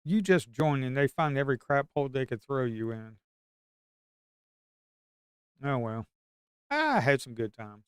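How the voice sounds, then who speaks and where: A middle-aged man with an Appalachian Southern accent, from the Blue Ridge Mountains, talks on a trading stream in a sing-song mid-range voice, a little slow and pausing often. His tone is clear and resonant as he rambles through crude, folksy stories in casual chat, occasionally hollering. It's studio quality with no room sound.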